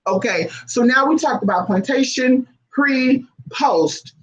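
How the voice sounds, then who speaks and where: Man, high voice, blunt profane vlog rant, lots of rhetorical questions. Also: takes it slowly, fairly bright tone, dull audio. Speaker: spiritual practitioner vlogger. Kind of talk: unscripted ranting monologue.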